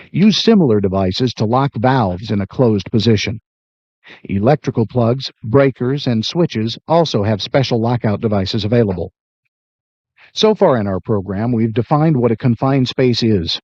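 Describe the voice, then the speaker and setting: A man giving measured, scripted narration for a training video, his voice wavering with a wobbly warped-tape warble. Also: mid-range voice, a little mellow, dry recording, lo-fi sound. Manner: measured, instructive.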